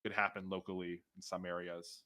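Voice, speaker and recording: A man's voice: sits low, little pitch movement, fairly quick, sharp tone, a little hiss or hum. A man hosting live weather commentary on a storm stream, hesitant with many fillers and restarts.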